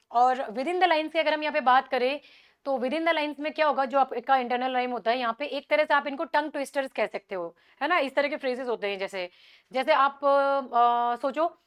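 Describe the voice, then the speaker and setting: A woman teaching English poetry in an exam-prep lecture, explaining patiently and checking in often, and slowing down to recite example lines. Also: high voice, clear, resonant tone. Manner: slows down to recite poem lines.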